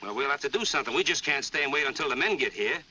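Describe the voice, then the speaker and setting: Casting: fretful American sidekick, folksy, very bright cutting voice, old western film sound. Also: male voice, medium pitch, lively intonation, rapid-fire. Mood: worried. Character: anxious, folksy cowboy sidekick. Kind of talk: 1940s western film acting. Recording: dull old film soundtrack, faint noise.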